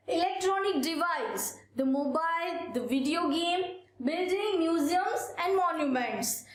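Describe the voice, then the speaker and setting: A high-voiced woman with an Indian accent gives a grammar lesson. She talks very slowly and deliberately, drilling one example after another. Her voice rings out in a strongly echoing room. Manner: slow, deliberate drilling of examples, asking and answering her own questions. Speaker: English grammar teacher. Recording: very echoey room.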